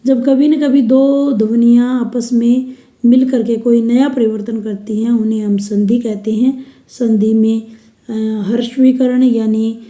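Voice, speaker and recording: A woman teacher giving a slow, explanatory linguistics lecture, spelling out sounds one by one. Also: on the high side, steady tone, mellow, reverberant.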